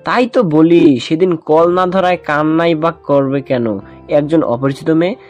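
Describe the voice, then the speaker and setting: A man's voice: fairly high pitch, measured pace, a little mellow, lo-fi sound. A man narrating a first-person romantic story in a chatty way, often speaking to his listeners. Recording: music bed underneath.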